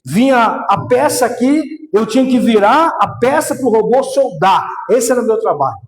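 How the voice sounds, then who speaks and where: A man preaching a fervent testimony sermon, often calling out to his brothers and rising into shouts. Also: very high voice, expressive, normal speed. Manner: fervent, repeatedly addresses "irmãos", bursts into shouts. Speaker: missionary preacher. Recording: echoey hall with long reverb.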